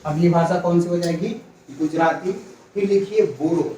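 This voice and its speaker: A man's voice: fairly high pitch, steady tone, moderate pace. Man teaching in an echoey classroom. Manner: repeats key words, quizzes students; calls for quiet. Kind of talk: classroom lecture. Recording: echoey classroom, distant mic, faint noise.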